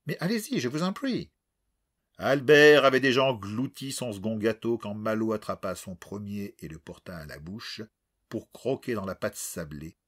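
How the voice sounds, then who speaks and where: A man narrating an audiobook with expressive, dramatic storytelling. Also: lowish voice, breathy edge.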